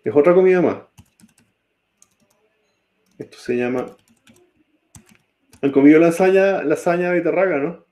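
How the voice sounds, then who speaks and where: A man's voice: a little high, a little slow, pauses often, mellow. A man teaching a programming class, typing code as he talks and often checking that students follow. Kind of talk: live-coding class.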